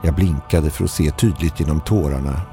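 A man reading a scripted first-person horror story in a tense, measured way. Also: extremely low pitch, warm tone. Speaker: horror podcast narrator. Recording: faint music bed behind.

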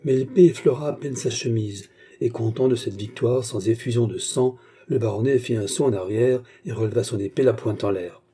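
A man narrating a classic novel aloud in a steady, measured way. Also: mid-range voice, breathy edge. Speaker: audiobook narrator.

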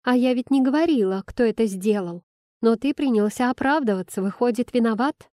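A woman's voice: on the high side, a little fast, warm tone, no room sound, studio quality, voice pushed up, lightly acted. A woman voicing a sly young female palace steward who teases with mock innocence. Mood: teasing.

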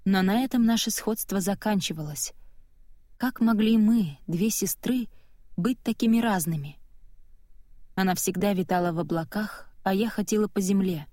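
A woman reading a first-person novel aloud in a steady, measured way. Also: medium pitch, no echo, studio quality. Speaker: audiobook narrator. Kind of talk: first-person scripted narration.

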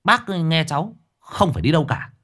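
A man's voice: a little high, sing-song, moderate pace, fairly bright tone, pitched above the performer's own voice. A man playing an eager, confident young male relative.

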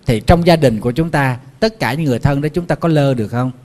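A man, a Buddhist monk giving a lively sermon and telling folk stories with playful asides. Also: mid-range voice, quick pace. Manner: lively, jokey, acts out animal voices in the story.

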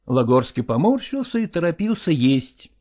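A man reading a novel aloud in a measured storytelling way. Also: a little high, sing-song, warm tone. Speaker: audiobook reader. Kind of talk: scripted narration.

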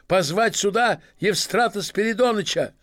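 A man doing an indignant club gentleman. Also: on the high side, normal speed, no echo, clean studio sound, soft background music, pitched above the performer's own voice, lightly acted. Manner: outraged, huffy. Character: indignant educated club member.

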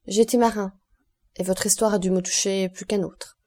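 A woman's voice: medium pitch, fairly even intonation, normal speed, warm tone, lightly acted. A woman voicing a grave, generous male nobleman and former sailor in an audiobook, speaking solemnly and earnestly. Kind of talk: audiobook character voice.

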